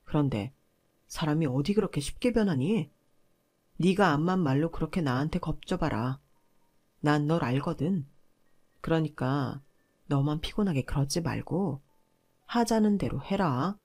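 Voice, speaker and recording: A woman's voice: deep voice, animated, measured pace, pauses often, a little mellow, exaggerated voice. A woman voicing an arrogant young husband who lectures his wife with contempt. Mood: contemptuous.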